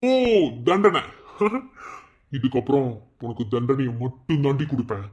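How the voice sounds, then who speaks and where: A man voicing a bitter, vengeful father in a cartoon, taunting and shouting at his wife. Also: mid-range voice, lively intonation, normal speed, lo-fi sound, lightly acted. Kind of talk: fan cartoon voice acting.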